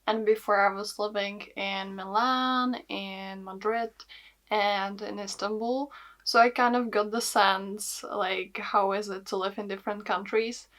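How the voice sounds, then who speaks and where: Chatty Czech-accented young woman, flat pitch. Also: measured pace. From Czech Republic. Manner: chatty, frequent fillers like "like" and "uh". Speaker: vlogger. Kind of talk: casual vlog talk.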